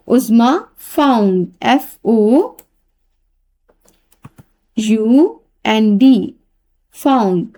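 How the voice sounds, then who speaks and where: Lady teacher going over english exercises really slowly, spelling letters out one by one. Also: on the high side, warm tone. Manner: spells words letter by letter, then repeats and translates them. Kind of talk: explaining an English workbook lesson.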